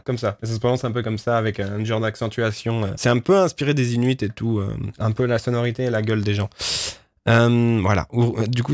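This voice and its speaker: A French-speaking man who created a fantasy universe reacts to fan theories during a casual livestream, reading and commenting. His medium-pitched voice is recorded dry and close with no room sound. He's animated, swears often, exclaims loudly in disbelief, and explains things with many filler hesitations.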